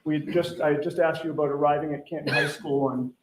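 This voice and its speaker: A man cross-examining a witness as a lawyer in court, putting detailed, deliberate leading questions and pressing for confirmation. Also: fairly high pitch, fairly even intonation. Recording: echoey courtroom sound with faint noise.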